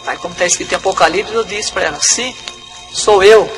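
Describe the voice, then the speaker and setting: A male pastor with a Brazilian Portuguese accent, his voice pitched high. He builds his testimony slowly and dramatically in church, repeating phrases for weight. Clear music plays beneath him. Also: fairly bright tone, poor audio. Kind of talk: testimony preached from the pulpit. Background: music playing under the speech.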